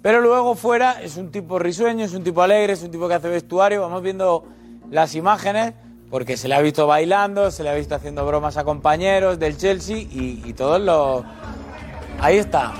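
A man's voice: high-pitched, brisk, soft background music. A man analysing football footage as a pundit in a studio sports debate.

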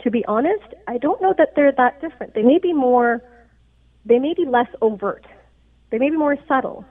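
Over a tinny phone line, a female physician originally from Pakistan is a guest on a radio interview, explaining things earnestly and often checking in with "right?". Her high-pitched voice is expressive and moves at a normal speed.

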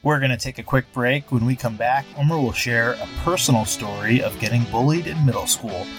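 A male podcast host reads a scripted segment in a steady voice. Plucked guitar music plays clearly beneath his voice-over. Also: mid-range voice, fairly quick. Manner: even, read-aloud delivery. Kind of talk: scripted narration.

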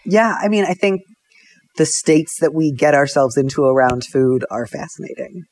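A man's voice: on the high side, fairly even intonation, moderate pace, a little mellow, no room sound. A man, an advice columnist and food writer, chatting casually as a podcast guest. He rambles with lots of fillers and laughs often.

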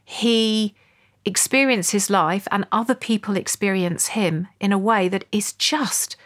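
A woman psychologist on a podcast explaining a case in a thoughtful, measured, earnest way. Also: mid-range voice, fairly bright tone. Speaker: psychologist co-host. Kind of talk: conversational explanation.

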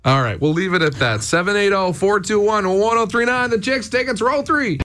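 A Canadian man hosting a radio morning show, upbeat and playfully teasing, with lively contest promo delivery. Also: high voice, normal speed. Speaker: radio host. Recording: music playing behind the voice. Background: music.

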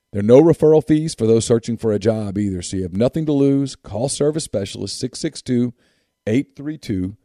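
A man's voice: on the low side, warm tone, dry recording, clean studio sound. A man, hosting a sports podcast with sponsor reads and casual talk.

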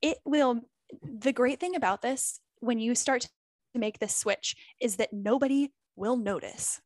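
A woman's voice: on the high side, measured pace, no echo, studio quality. A woman speaking candidly and emphatically as a guest in a casual interview, swearing freely as she makes her points. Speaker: former group fitness instructor.

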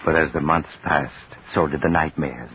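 A man's voice: extremely low pitch, normal speed. A man narrating a scripted suspense story as an old radio drama narrator. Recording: muffled old radio recording, faint hiss.

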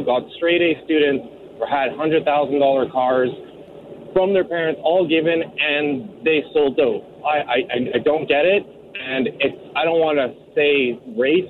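A man's voice: on the high side, a little hiss or hum. Man on a tinny phone line. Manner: hesitant, repeats words. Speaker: radio phone-in caller. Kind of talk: casual phone-in chat. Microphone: telephone.

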